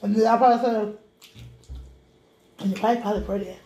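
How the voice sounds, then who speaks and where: A woman's voice: medium pitch, fairly even intonation, fairly quick, mellow, echoey room. A woman hosting a mukbang, chatting straight to her viewers while eating, talking with her mouth partly full. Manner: chatty, addresses viewers directly. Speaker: mukbang host.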